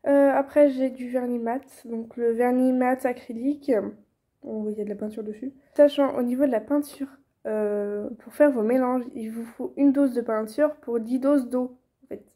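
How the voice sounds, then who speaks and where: A young woman, chatting casually through a how-to tutorial, filling pauses with many hesitations and restarts. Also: fairly high pitch, fairly even intonation, warm tone. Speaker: vlogger teaching reborn doll painting.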